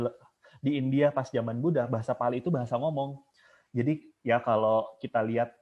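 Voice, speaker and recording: A man lectures casually over a video call, wandering from point to point and now and then breaking into a chanted line. His voice sits at a middle pitch, and the call audio is a little muffled. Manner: casual and digressive, sometimes chanting examples. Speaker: guest speaker teaching chanting. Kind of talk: informal online lecture.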